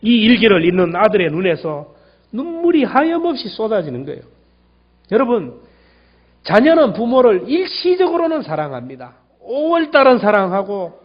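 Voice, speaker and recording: A male pastor preaching a sermon with emphasis, repeating key words and swinging between loud and hushed delivery. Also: sits high. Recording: dull lo-fi church recording.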